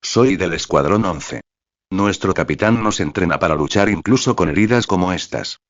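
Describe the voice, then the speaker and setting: A man reading the lines of a tall, mustached male soldier in his forties, a tough, amused brawler, in a slow, measured way. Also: sits low, expressive, highs cut off.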